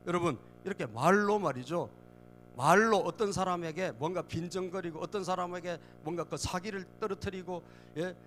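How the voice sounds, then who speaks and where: Male pastor, fairly high voice, preaching and prodding the congregation, faint hum under it. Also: moderate pace, a bit bright. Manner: asks the congregation "예?" again and again; acts out mocking enemy voices. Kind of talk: sermon. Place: church sanctuary.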